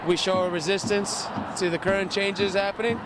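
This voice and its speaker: A man at a protest with his family, speaking in a steady, plain-spoken way. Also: high-pitched, moderate pace. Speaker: father at a protest. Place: outdoor street protest. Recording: loud street noise.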